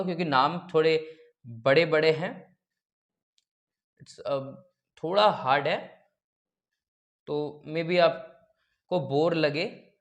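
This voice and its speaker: Slow, joking Hindi-speaking male teacher. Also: a little high, a bit bright. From India. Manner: playful, full of joking memory tricks; often checks in with "okay?". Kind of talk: classroom geography lesson.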